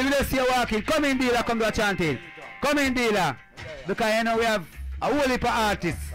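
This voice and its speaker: A man's voice: very high-pitched, bright, forceful tone. A man with a Jamaican accent using rasta speech, half singing and calling out as a reggae singer and MC. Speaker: reggae singer and master of ceremonies. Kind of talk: Rastafarian patois chanting and stage talk, half sung. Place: small open-air night stage under a tree. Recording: live stage sound over music.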